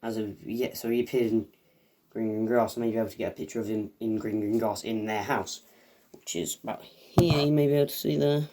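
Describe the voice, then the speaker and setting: A man's voice: lowish voice, steady tone, fairly quick, dark tone. A man talks casually to his viewers as a video reviewer. He wanders from point to point, trips over his own words and fills the gaps with "um" and "uh". His chatty asides show him as an eager fan. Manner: rambling and hesitant, many fillers and restarts.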